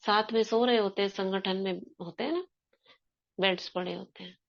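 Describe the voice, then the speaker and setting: A woman's voice: medium pitch, moderate pace, vocal fry, lo-fi sound. A woman explaining a spiritual text to a class in a conversational way, quizzing her listeners.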